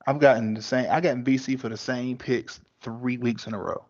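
A man's voice: medium pitch, steady tone, moderate pace, darkish tone. Man, podcast co-host, casual blunt banter, slightly dull lo-fi sound. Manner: blunt, swears freely, laid-back banter. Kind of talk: casual chat.

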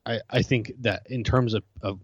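A man co-hosting a podcast, chatting casually in a measured way with dry humor. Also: on the low side, steady tone, slightly rough, no room sound. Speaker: podcast co-host. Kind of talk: casual chat. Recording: slightly dull, lo-fi sound.

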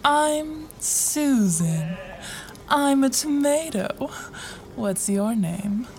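A woman voicing a friendly, flirtatious tomato in an audio drama, with a coy, drawn-out delivery. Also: high voice, animated, darkish tone, heavily acted.

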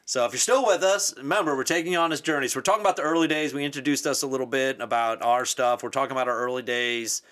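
A man's voice: mid-range voice, fast talker, hardly any pauses, fairly bright tone. Teasing, laughing man co-hosting a podcast. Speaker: podcast co-host. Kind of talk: casual podcast chat.

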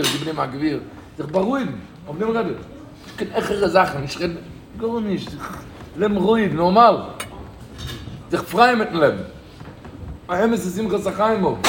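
Rabbi, male, slightly high voice, informal talk, emphatic repeats; roomy echo, heavy noise bed. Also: gravelly. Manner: emphatic, repeats key phrases, rises to bursts of emphasis. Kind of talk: informal spoken talk to a group. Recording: echoey room with loud background noise.

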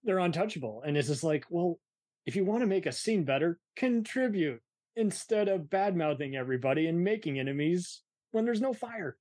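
Ranting, profane podcast host. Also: male voice, sits high, expressive, fairly quick, darkish tone, no echo, studio quality. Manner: ranting, profane, laughs often. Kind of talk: casual podcast chat.

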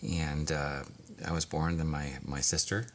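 Very deep-voiced man, halting with fillers. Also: flat delivery. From Belgium, raised in Ontario, Canada. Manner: rambling with many fillers. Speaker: guest doctor. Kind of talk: casual interview talk. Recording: noisy background.

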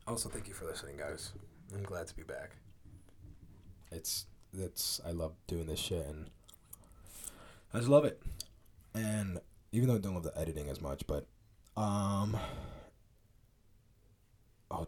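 A man's voice: low voice, lively intonation, measured pace, long pauses, a little mellow, breathy edge. Laid-back young man, swearing podcast host. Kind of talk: casual chat. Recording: faint background noise.

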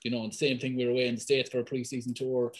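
A man from the west of Ireland, with a thick Irish accent and a mid-range voice, talks fast and lively, using lots of fillers. He's a football fitness coach appearing as a guest in a casual podcast conversation.

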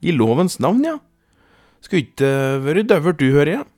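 A man voicing a bold, quick-tempered young woman who scolds loudly and cheekily. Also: medium pitch, expressive, no echo, studio quality, soft background music, lightly acted. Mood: scolding.

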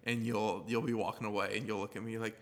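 A man's voice: fairly low pitch, flat delivery, quick pace. A young man co-hosting a casual chat, teasing his friend, laughing often and swearing freely. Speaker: podcast co-host.

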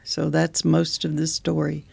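Very creaky-voiced woman, natural unscripted talk. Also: sits low, monotone, measured pace, darkish tone, no room sound. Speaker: podcast co-host. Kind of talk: natural unscripted casual chat, explaining.

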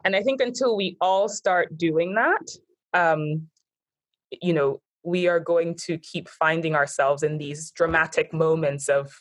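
A woman's voice: low voice, unhurried. A woman with an American accent, a guest talking thoughtfully in a casual conversation, with frequent fillers. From born in Japan, Nigerian, raised in the US.

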